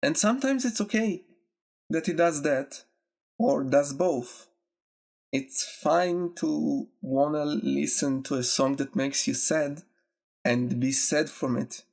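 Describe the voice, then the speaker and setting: A young man with a congested, nasal voice from being sick, speaking casually and reflectively to his viewers in short, halting phrases. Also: a little high, creaky, darkish tone. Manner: slow, halting, reflective, with pauses. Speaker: YouTube video essayist. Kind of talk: casual talk to camera.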